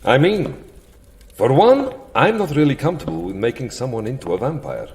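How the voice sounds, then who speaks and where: Here the actor's vampire count sounds reluctant and reflective, his male mid-range voice dark-toned with a breathy edge, very animated at a normal speed. It's a comic audio drama, and he plays the weary, settled count theatrically and wryly, alternating boastfulness, petulance and self-deprecation.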